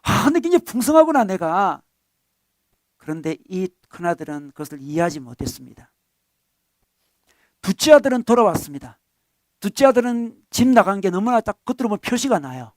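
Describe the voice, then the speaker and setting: A man's voice: sits high, very animated, brisk, darkish tone, no echo, studio quality. A male pastor giving a sermon in a conversational tone, asking the congregation rhetorical questions and chuckling between points.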